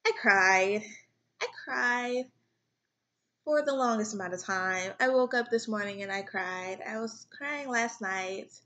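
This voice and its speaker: A woman's voice: medium pitch, normal speed, hardly any pauses, a bit bright. A young woman vlogger talking earnestly and rambling to camera about self-acceptance, near tears at times. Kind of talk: personal talk to camera.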